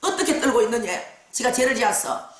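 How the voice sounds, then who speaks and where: A woman fortune teller with a Gyeongsang accent telling the story of a client in lively dialect, with many fillers. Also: a little high, fairly quick, distant mic. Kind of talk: storytelling case account. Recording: very echoey room.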